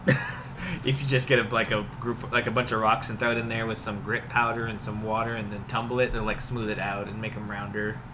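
A man's voice: lowish voice, little pitch movement, a little fast, background noise. A man co-hosting a podcast, chatting in a laid-back way with hesitant fillers. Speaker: podcast co-host. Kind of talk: casual joking chat.

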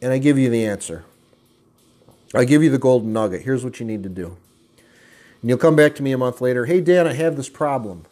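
A man's voice: medium pitch, a little mellow. A man giving an intense, profane motivational rant, blunt and angry, calling his listeners guys. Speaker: motivational speaker.

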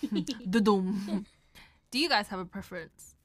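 A woman's voice: mid-range voice, measured pace. A young woman, chatting casually and slangily as a podcast co-host. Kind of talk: casual chat.

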